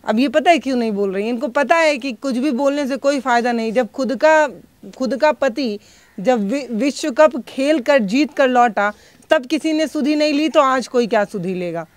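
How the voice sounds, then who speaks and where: A woman's voice: high-pitched, normal speed, dry recording. A woman reporting on location as a field news reporter, coaxing and pleading with questions, then speaking impassioned to camera.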